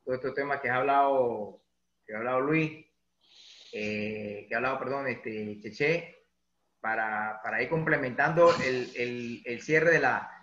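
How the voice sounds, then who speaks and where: A man's voice: medium pitch, measured pace, pushed and bright. A man hosting an interview, asking long, rambling questions full of fillers. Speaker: host, interviewer. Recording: echoey dull lo-fi room.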